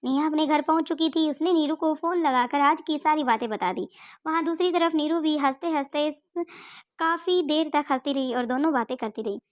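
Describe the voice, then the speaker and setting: Brief: high-voiced female storyteller, steady recited narration. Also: normal speed.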